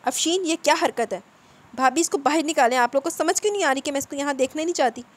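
एक औरत कहानी में एक गुस्से में चिल्लाती, दुखी अधेड़ माँ की आवाज़ निकाल रही है।. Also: female voice, sits high, very animated, moderate pace. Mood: furious. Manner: shouting, scolding. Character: furious grieving middle-aged mother, harsh.

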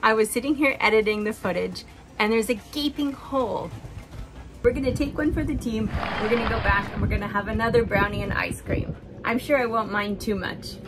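A woman's voice: a little high, fairly quick, fairly bright tone, soft background music, poor audio. A middle-aged woman narrating a travel vlog in a chatty, upbeat way, explaining as she goes. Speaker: travel vlogger.

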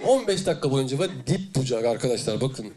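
A man's voice: mid-range voice, fast, noisy background. A young man telling stories animatedly in a stand-up comedy set on stage before a live audience. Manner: animated storytelling, acts out characters.

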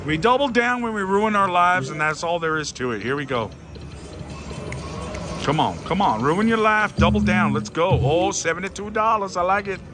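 A man giving casual, excited, theatrical commentary as he gambles, repeating phrases pleadingly and addressing his viewers. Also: sits high, moderate pace. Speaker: slot machine gambling vlogger. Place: busy casino floor at a slot machine. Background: slot machine music.

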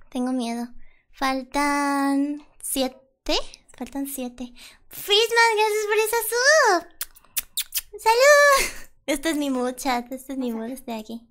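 A woman, chatting casually as a streamer and often bursting into loud laughter. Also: high-pitched, expressive, slow. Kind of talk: casual livestream reaction.

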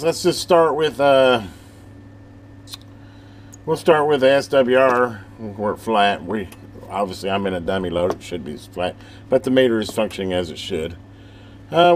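A hobbyist presenter demonstrates a CB radio hands-on, rambling casually and thinking aloud in a folksy, informal way. His mid-range voice is a little mellow, with a little hiss or hum.

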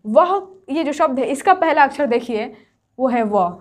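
A woman's voice: sits high, expressive. A woman teaching Urdu script step by step, patient and repetitive. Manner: patient, repeats each point slowly. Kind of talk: step-by-step whiteboard lesson.

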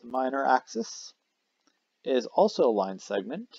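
A man talks through a math lesson in a relaxed, conversational way, pausing with fillers and fixing his own wording as he goes. His voice has a gravelly, creaky edge at a middling pitch. The recording is dry and a little dull, as from a modest lo-fi microphone. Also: dry recording. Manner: casual, self-correcting explanation with fillers. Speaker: math teacher. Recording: dry, slightly dull lo-fi mic.

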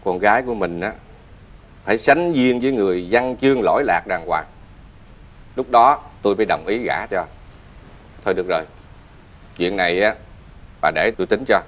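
A man's voice: on the low side, moderate pace, long pauses, fairly bright tone, lightly acted. An actor with a Southern Vietnamese accent playing a proud, stern rich father in a cartoon fairy tale. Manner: stern, grumbling, later wailing. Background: music.

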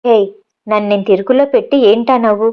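Spirited sulky young woman, read by a woman narrator, fairly high voice, dull lo-fi sound. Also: brisk, clean tone, lightly acted.

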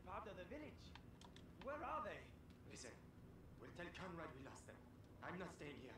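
An actor playing a gruff male soldier who hunts children and barks threatening orders, in a video game. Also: high voice, very animated, moderate pace, reverberant, very noisy. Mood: grumbling.

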